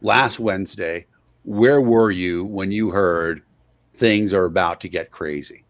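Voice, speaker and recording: A man hosting an interview over a video call, conversational, pausing often with hesitations. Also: low-pitched, no room sound, clean studio sound. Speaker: guest host.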